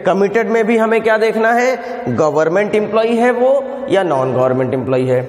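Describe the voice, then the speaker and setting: A man's voice: high voice, lively intonation, brisk. A male commerce tutor giving a recorded video lecture, explaining step by step and often asking his students questions, mixing Hindi with English terms. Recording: echoey room with long reverb.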